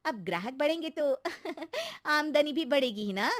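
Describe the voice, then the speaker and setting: A woman voicing a chatty young wife in a cartoon moral story, who talks eagerly and gets upset fast. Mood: excited. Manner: eager, talkative, high and excited.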